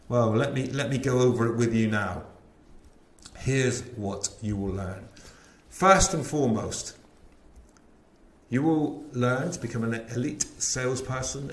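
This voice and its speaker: West Country man pitching a sales course. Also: echoey room. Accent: West Country English. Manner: enthusiastic, chatty, rhetorical questions. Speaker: sales trainer. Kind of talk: webinar presentation.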